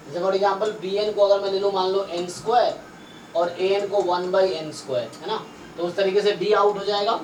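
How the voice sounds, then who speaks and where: A man's voice: high-pitched, moderate pace. Roomy, distant male math teacher. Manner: explains in mixed Hindi and English, thinks aloud, repeats himself. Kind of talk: live online exam-prep class. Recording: roomy, distant mic with faint noise.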